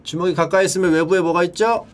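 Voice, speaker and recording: A man streaming and chatting casually, drilling words by repetition in a playful way and breaking into shouted cheers. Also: fairly even intonation, fast, slight background noise. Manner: playful, drills words by repeating them in a high echo. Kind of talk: casual livestream chat.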